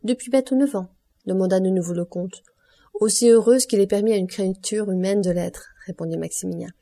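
A woman reads a classic novel aloud as an audiobook in an even, measured delivery. Her voice is mellow and warm, sitting in a middle pitch. She gives each character only a slight change of tone. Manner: reads all characters in a lightly varied voice. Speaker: audiobook reader. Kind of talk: scripted narration of a classic novel.

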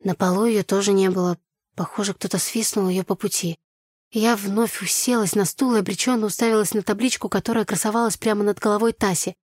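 A woman narrating a first-person novel in an even, storytelling delivery. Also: medium pitch, brisk, dry recording, studio quality. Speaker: audiobook narrator.

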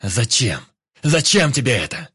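A man voicing a brash, cornered male fugitive who talks roughly and mockingly. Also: lowish voice, normal speed, lightly acted. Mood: rough angry.

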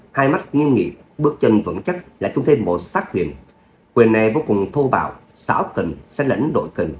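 A man who chats casually with his listeners and then reads a serialized story, in a roomy recording with a faint hum. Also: lowish voice. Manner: chatty, with filler words, then a steady reading. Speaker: audio story narrator.

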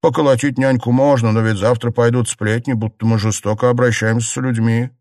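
A loyal young maidservant who soothes and pleads, played by a male narrator. Her voice sits higher than his own. The recording is dry, with no room echo. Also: little pitch movement, a little fast, a little mellow, natural voice. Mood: soothing.

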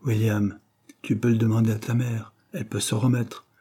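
A lively, blunt little girl in a storybook, her voice lifted above a low, husky base as a man reads her part. She talks quickly and candidly, with a dark, slightly breathy tone. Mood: chatty. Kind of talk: audiobook character voice.

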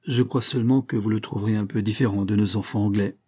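Brief: a man doing an elderly English solicitor, dry and cutting, measured replies, mellow husky tone. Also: lowish voice, fairly even intonation, no room sound. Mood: cool. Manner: curt, cold and measured. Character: dry, cutting old English family lawyer.

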